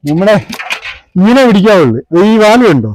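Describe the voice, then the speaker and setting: A man speaks in a somewhat high voice. He gives casual, practical commentary as a fish seller hosting a vlog. Faint noise and clicks sit behind him. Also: very animated, brisk, a little mellow, poor audio. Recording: clear background noise with clicks.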